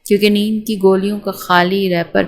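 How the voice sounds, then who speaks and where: A woman reading a romance novel aloud as an audiobook narrator, in a steady storytelling manner. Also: mid-range voice.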